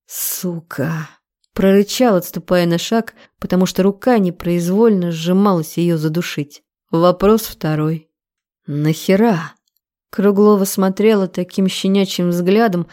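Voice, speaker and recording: A woman reads a dramatic novel aloud. Her narration is intense yet even, with a dark, mellow tone. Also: lowish voice, normal speed, hardly any pauses. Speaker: audiobook reader.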